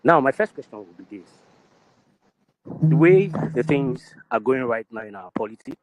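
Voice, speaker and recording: A man's voice: mid-range voice, animated, moderate pace, slight background noise, low-quality recording. A man hesitantly asking a question in an online meeting. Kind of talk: casual online meeting talk.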